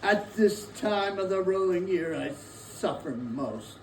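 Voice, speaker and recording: Slow, high-pitched, mournful Marley's ghost. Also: male voice, animated, a little mellow, exaggerated voice. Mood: anguished. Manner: slow, solemn, declamatory. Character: ghost of a dead business partner, mournful, tormented, warning. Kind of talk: dramatic stage reading. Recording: echoey room, distant mic, faint noise.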